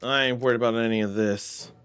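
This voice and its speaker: Casual gamer guy narrating his playthrough, relaxed, game music faint behind. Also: medium pitch, fast talker, clean tone. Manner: laid-back, muttering asides. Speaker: gaming streamer. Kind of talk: casual let's-play commentary.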